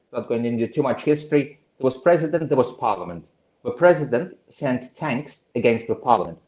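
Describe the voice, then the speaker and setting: A Russian-born man in his thirties answers interview questions as a political candidate, earnest and halting, with many pauses and restarts. His mid-range voice has a darkish tone, recorded in an echoey room with dull lo-fi sound.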